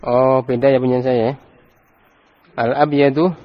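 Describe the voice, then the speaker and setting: A man's voice: medium pitch, little pitch movement, unhurried, lo-fi sound. A man with an Indonesian Javanese accent teaching an Arabic grammar class, quizzing his students and prompting them to read aloud. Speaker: Islamic teacher.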